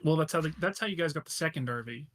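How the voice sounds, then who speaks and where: A man narrating as game master in a tabletop game, relaxed and loose with many fillers. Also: on the high side, rapid-fire, a little hiss or hum.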